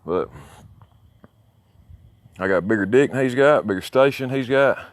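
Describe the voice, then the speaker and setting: Filming his own video outside near his home, this CB radio hobbyist rambles casually, boastful, folksy and foul-mouthed, in a Southern Alabama accent. He's from the southern United States, his medium-pitched voice moves at normal speed, and the recording is dry.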